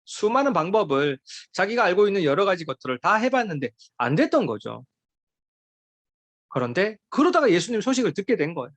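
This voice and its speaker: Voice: medium pitch, big pitch swings, a little fast, no room sound. A preacher giving a sermon to a youth group, emphatic and pleading, with many rhetorical questions.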